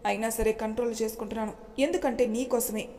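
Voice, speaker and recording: A woman voicing a calm, caring young husband who talks earnestly and reassures his wife. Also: fairly high pitch, fast, natural voice. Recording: long hall reverb.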